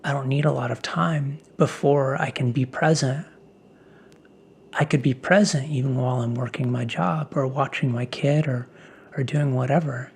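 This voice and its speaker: Man, very breathy, soft half-whisper, ASMR pep talk, personal, musing. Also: medium pitch, steady tone, normal speed. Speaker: ASMR host.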